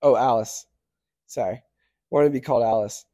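A man's voice: mid-range voice, moderate pace, dark tone. A man co-hosting a podcast, chatting casually, hesitant and often laughing as he trails off. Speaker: podcast co-host. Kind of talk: casual chat.

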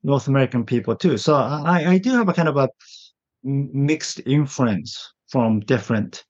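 A Japanese man, a native Japanese speaker, answering interview questions in English with a partly British accent, often pausing to search for words. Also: mid-range voice, expressive, a little mellow, lo-fi sound. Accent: Japanese English with British influence. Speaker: guest.

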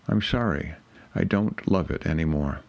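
A man's voice: a bass voice, moderate pace, vocal fry, a little mellow, pitched below the performer's own voice. A man reading as a burnt-out ER doctor. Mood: weary, despairing. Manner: repetitive, heavy, apologetic litany. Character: burnt-out emergency doctor, weary and apologetic.

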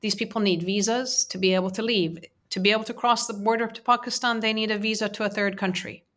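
She talks fast in a mid-range, slightly bright voice with fairly even intonation. A women's peace advocate and native Persian speaker, she answers interview questions earnestly, full of fillers and restarts.

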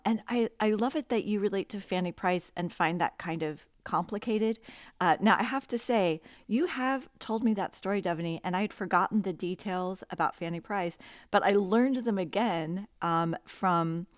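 A woman hosting a podcast interview, asking eager follow-up questions and reacting quickly in casual chat. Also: mid-range voice, no room sound, clean studio sound. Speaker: podcast host.

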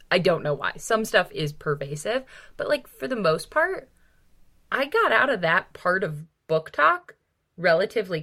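On a casual book discussion podcast, a woman co-host with a lowish, slightly bright voice talks informally and with emphasis. "Like" pops up constantly, along with mild swearing.

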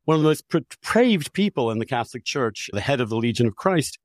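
A male podcast host with a medium-pitched, sing-song voice talks fast, speaking candidly with strong opinions in an articulate, emphatic way and often restarting his phrases. The recording is studio quality with no echo.

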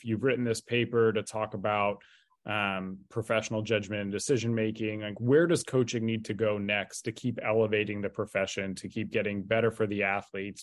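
A man's voice: on the low side, dry recording. A man hosting a podcast interview, thoughtful and asking long open questions. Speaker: podcast host.

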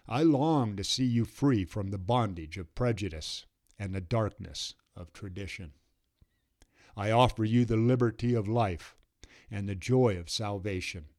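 A man voicing a calm, gentle male teacher. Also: fairly low pitch.

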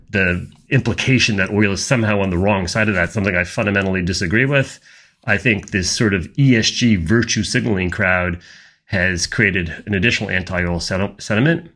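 A man's voice: on the low side, fairly bright tone. A man giving an emphatic, opinionated video commentary on energy markets.

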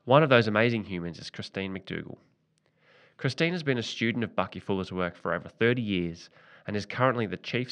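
A man reading a scripted, reflective personal essay as a podcast host, measured and deliberate, slowing down for emphasis. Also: low-pitched, fairly bright tone.

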